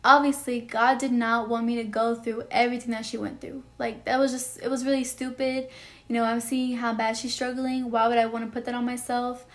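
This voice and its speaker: A woman's voice: a little high, level tone, a little fast. A nineteen-year-old woman telling a personal story in a vlog, emotional and rambling, full of "like" and "you know". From Texas. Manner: emotional, rambling, heavy use of "like". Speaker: vlogger.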